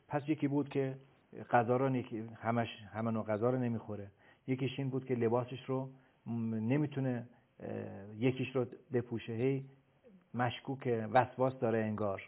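A man explaining as a guest expert on a radio talk show, emphatic and lecturing, often pausing on filler sounds. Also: medium pitch. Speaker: guest expert on child behavior. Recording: phone-like radio broadcast.

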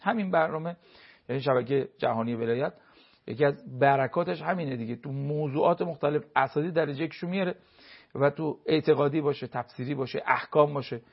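A man speaks as a religious expert on a television talk program, his voice gravelly and husky and sitting a little high. He lectures emphatically, piling up rhetorical questions. The broadcast sound is dull and lo-fi.

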